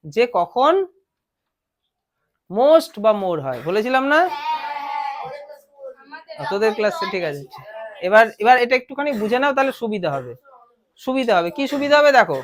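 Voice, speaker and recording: A woman with a Bengali accent teaching a grammar lesson, explaining step by step and asking her students questions. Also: fairly high pitch. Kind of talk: classroom lesson.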